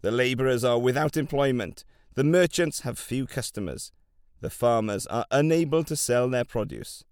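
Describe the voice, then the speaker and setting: A man voicing a deferential royal chancellor who explains matters in a courtly, careful manner, pitched a bit above his narration. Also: normal speed, darkish tone, clear, resonant tone, dry recording, clean studio sound, close to an everyday voice. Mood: worried.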